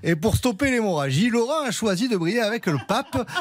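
Brief: man radio quiz host, high voice swinging widely, fast and playful. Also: animated.

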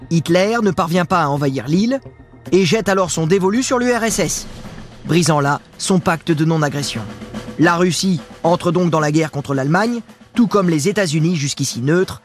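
A man's voice: on the high side, animated, moderate pace, faint music behind. A man giving scripted history narration with casual asides, talking straight to the listener in a chatty way. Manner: chatty, addresses the listener directly.

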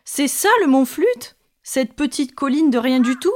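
Woman doing a shrill excitable mermaid. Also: normal speed, natural voice. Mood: excited. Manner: exclaiming, high and excited. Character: loud, chatty young female mermaid.

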